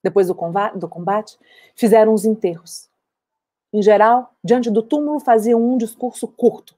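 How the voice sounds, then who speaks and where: An actress plays an older woman war veteran, recounting her memories in a measured, reflective dramatic monologue. Her medium-pitched voice is natural with a dark tone, and the mood is sober.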